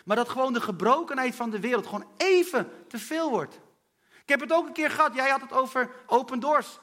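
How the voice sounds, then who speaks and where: A man's voice: very high voice, lively intonation, a little fast, fairly bright tone. A man preaching a sermon in an earnest, personal way and speaking straight to his listeners.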